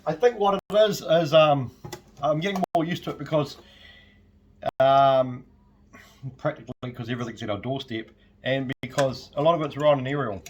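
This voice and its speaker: A man's voice: mid-range voice, normal speed, pauses often, lo-fi sound, slight background noise. A New man in his fifties talks straight to a handheld camera in his kitchen. He rambles in a loose, chatty way and drops the odd casual swear word. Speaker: vlogger. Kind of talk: casual home vlog. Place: at home in a kitchen.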